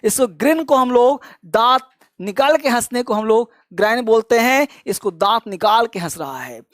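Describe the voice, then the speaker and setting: A man teaching an English lesson, drilling word lists at a brisk clip and calling his students kids. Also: very high voice, expressive, fairly bright tone, dry recording, studio quality. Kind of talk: spoken grammar lesson.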